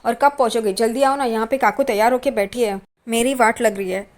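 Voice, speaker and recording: Woman doing a freaked out young girl yelling hurry up on the phone. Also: on the high side, steady tone, a little fast, close to an everyday voice. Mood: panicked.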